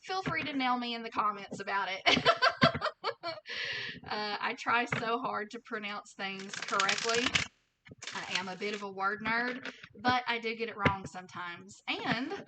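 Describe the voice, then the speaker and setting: A woman's voice: medium pitch, normal speed, heavy background noise. A woman with a thick Southern US accent gives a casual tarot reading, conversational and often checking in with her listeners. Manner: conversational, with frequent check-in tags like 'okay?' and 'right?'. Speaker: tarot reader and host.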